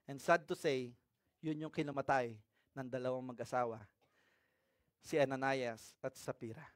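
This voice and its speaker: A man with a Filipino accent preaching a sermon in a mix of two languages, reading scripture aloud and often asking his congregation questions, swinging between loud and hushed. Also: medium pitch, fairly even intonation, moderate pace, no room sound, clean studio sound.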